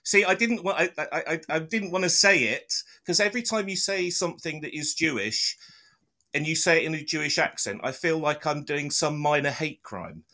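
A man's voice: fairly high pitch, lively intonation, moderate pace, bright, forceful tone. A man hosting a podcast, joking and self-deprecating in casual chat. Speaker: podcast host.

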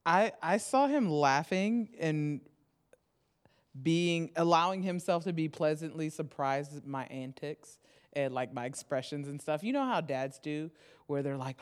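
A woman sharing a personal story casually, chatty and halting with frequent fillers. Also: low voice.

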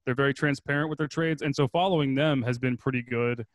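A man's voice: medium pitch, fairly even intonation, fast talker, dry recording. A man who is a former producer and now a day trader, chatting casually and rambling as a podcast guest, swearing freely.

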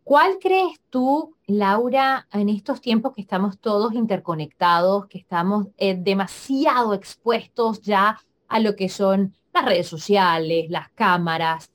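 A woman from Venezuela interviewing a guest, asking long, measured questions. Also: medium pitch.

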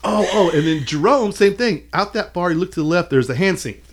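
A man telling lively stories in a casual chat, acting out his own reactions as he goes. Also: high voice, brisk. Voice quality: animated, expressive delivery. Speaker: podcast guest.

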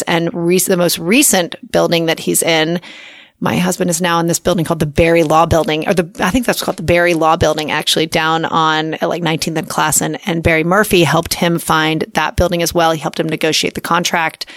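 Gravelly-voiced woman reading a sponsor spot. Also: lowish voice, no echo, clean studio sound. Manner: earnest, recommending. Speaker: podcast host reading a sponsor message. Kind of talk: conversational sponsor read.

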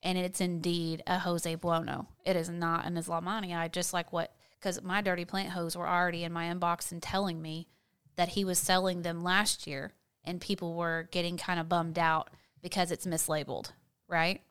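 A woman's voice: lowish voice, level tone, moderate pace, fairly bright tone, clean tone. A woman chatting casually to viewers like a video blogger telling a story, gossipy and candid, stressing points by repeating words.

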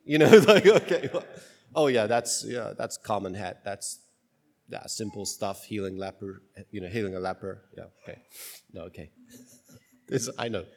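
A priest reading the gospel and then preaching in a casual, joking way, his voice ringing with a long cathedral-like echo. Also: on the low side. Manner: casual, joking, thinks aloud with restarts.

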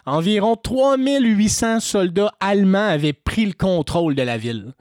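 A man with a Québécois French accent telling a history story on a podcast in an animated, joking way. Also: normal speed, clean tone, no room sound, clean studio sound. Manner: animated, jokey, lively pitch swings. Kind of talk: casual storytelling chat.

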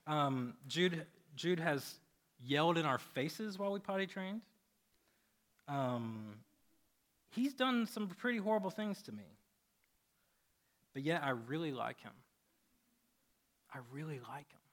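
Animated male preacher. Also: fairly high pitch, slow, long pauses. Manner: animated storytelling, turning soft and hushed in prayer. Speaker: pastor. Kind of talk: sermon.

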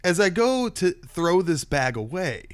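A man's voice: sits high, sing-song, a little slow, no echo. A man hosting a podcast, telling stories in a casual, folksy way and drawing out the suspense. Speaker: podcast host. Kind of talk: casual conversational storytelling.

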